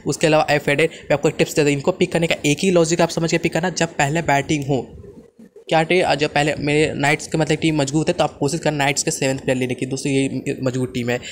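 A man's voice: a little high, flat delivery, a little hiss or hum. A young man presenting fantasy cricket picks as the channel's host, rattling off confident, casual commentary to his viewers. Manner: rapid, confident, addresses viewers as friends.

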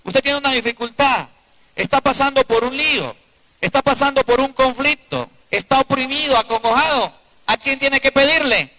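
High-voiced priest preaching emphatically. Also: male voice, normal speed, sharp tone, poor audio. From Venezuela. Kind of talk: sermon. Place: church before a live congregation.

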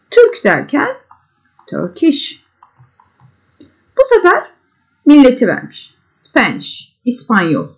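A woman teacher working through a worksheet with children, step by step. She reads English words with a high lift, then gives their meaning, and keeps checking back with her pupils. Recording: dull lo-fi sound.

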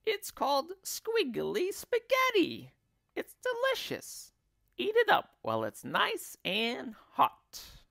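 A man voicing a nasty, spiteful old wife with a high, cackling, shrieking voice in a storybook reading. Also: huge pitch swings, slow pace, gravelly, bright, forceful tone, no room sound, studio quality, exaggerated voice. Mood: sugary fake.

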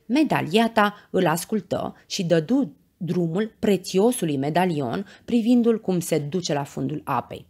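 A woman reading a bedtime story to children in a low, husky voice. She narrates expressively, and her pitch moves widely with a gravelly edge. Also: animated, few pauses, darkish tone.

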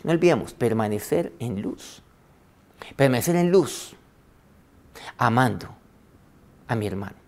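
A man preaching a sermon, reading scripture aloud with emphasis, slowing on key phrases and letting line ends trail off softly. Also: mid-range voice. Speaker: pastor.

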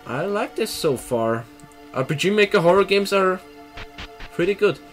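Faint music sits behind this young adult male gamer from Austria, a let's play host on a headset mic in a small computer room. His commentary is energetic and reactive, pitched fairly high, full of fast swearing and laughs, and he reads game text aloud excitably.

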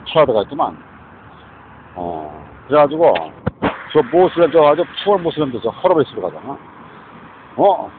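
A man from South Korea talks on and on in a disjointed, repetitive monologue. His pitch sits in the middle but leaps around animatedly. The sound is narrow and tinny, like a phone line, with a faint hiss behind him. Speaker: vlogger. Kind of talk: rambling spoken monologue.

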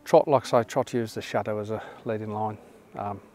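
Low-voiced man filming outdoors. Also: fairly even intonation, brisk, a little hiss or hum. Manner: enthusiastic, drifting to soft hushed remarks. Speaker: landscape photographer. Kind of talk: casual vlog narration. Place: open sandy beach outdoors at sunset.

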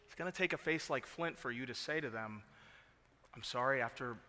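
A pastor preaching a sermon, moving from quiet earnest passages to loud, emphatic peaks. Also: male voice, on the high side, lively intonation, fast talker. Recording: long hall reverb.

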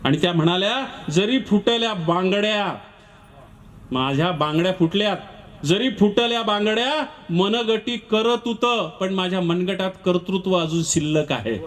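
High-voiced man reciting and explaining poems. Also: moderate pace. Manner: recites a verse, then explains it in plain speech. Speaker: poet and professor giving a public talk. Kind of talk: lecture with poetry recitation.

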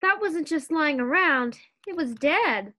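A woman's voice: high voice, lively intonation, a little slow, bright, forceful tone, exaggerated voice. A woman playing a perky, exasperated housewife with emphatic comebacks in an old-time radio sitcom. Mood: teasing.

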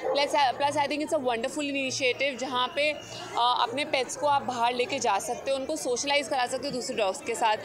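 A woman's voice: high voice, fairly even intonation, normal speed. A woman in her twenties representing a pet brand, giving an upbeat, inviting interview at an event booth. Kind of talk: promotional interview. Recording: music and crowd behind.

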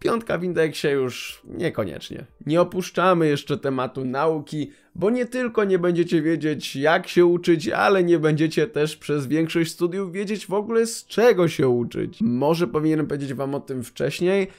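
A man's voice: a little high, normal speed, hardly any pauses. A man in his twenties giving scripted, direct and wry advice to future university students in a vlog. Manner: direct, wry, addresses viewers as a group. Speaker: YouTuber giving study advice.

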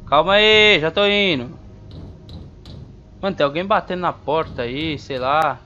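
A man's voice: on the high side, unhurried, bright, forceful tone, soft background music. Jumpy man narrating gameplay. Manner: jumpy, talks back to the game, slangy. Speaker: gamer playing a horror game. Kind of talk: casual let's-play commentary. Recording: slightly dull home recording with faint noise.

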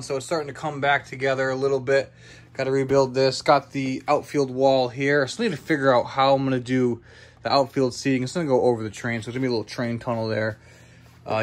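An upbeat young man with a voice of ordinary middle pitch, talking casually as he walks a phone camera around his hobby room. He thinks out loud, musing and asking viewers for their opinions. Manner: chatty and upbeat, thinking aloud. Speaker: YouTuber showing his toy brick city. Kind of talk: casual walkthrough vlog. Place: indoor hobby room with a tabletop model city.

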